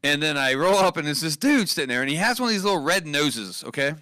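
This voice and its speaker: A man co-hosting a loose live chat show, spinning profane stories with big swings in pitch. His voice is bright and forceful, and it sits on the higher side. The sound is close and dry. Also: quick pace, smooth, dry recording. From West Virginia. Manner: profane storytelling, animated. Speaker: co-host. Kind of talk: casual chat.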